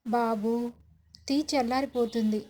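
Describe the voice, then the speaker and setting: A woman voicing a gentle middle-aged aunt who coaxes a young man over tea, in a spoken serial recap. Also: on the high side, fairly even intonation, unhurried, a little hiss or hum, natural voice. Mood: coaxing. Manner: coaxing, homely.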